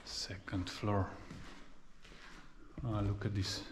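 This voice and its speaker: A man's voice: on the low side, slow, background noise. Man touring an abandoned mansion on camera. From former Yugoslavia. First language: Serbo-Croatian. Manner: explains calmly while exploring, slightly non-native phrasing. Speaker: travel vlogger. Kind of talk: casual walking tour commentary. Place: outdoors in a park, then inside an empty abandoned mansion. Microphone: action camera held at arm's length.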